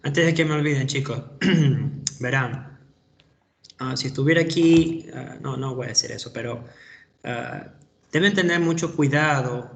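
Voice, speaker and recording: A middle-aged man with an Ecuadorian Spanish accent, giving feedback to students in an online class, slow and explanatory with many hesitations. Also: mid-range voice, gravelly, slight background noise. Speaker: English teacher.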